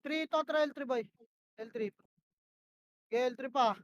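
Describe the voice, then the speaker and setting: A woman with a very high, piercing voice runs her team's plays in a tactical shooter. She snaps out short commands again and again and curses when the team lags. Her headset sound is dry and close. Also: moderate pace, no room sound. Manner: barks short repeated commands, swears when frustrated. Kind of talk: rapid in-game voice comms.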